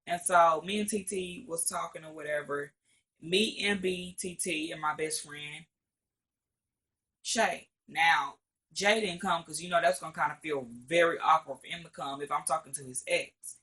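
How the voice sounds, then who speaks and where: A man's voice: a little high, moderate pace, sharp tone. A teenage man from Arkansas, telling a rambling storytime with lots of "or whatever" and cursing. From Arkansas, USA. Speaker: vlogger. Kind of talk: casual storytime.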